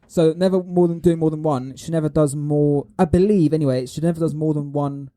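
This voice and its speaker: A man's voice: a little high, fairly even intonation, brisk, mellow, no echo, clean studio sound. A man hosting a casual podcast, reading out quiz clues and teasing his co-hosts.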